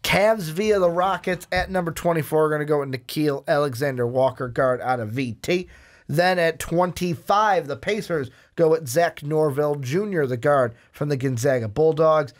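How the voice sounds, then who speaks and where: A man's voice: on the high side, normal speed. A young man co-hosting a casual sports podcast, playful and goofy, laughing at his own slips. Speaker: podcast co-host.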